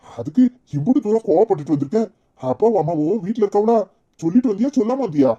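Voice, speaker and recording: A voice actor playing a gentle, placating old village grandfather with a Kanyakumari Tamil accent in a cartoon. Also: mid-range voice, fast, lightly acted. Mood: soothing. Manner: calm, placating. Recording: dull lo-fi audio.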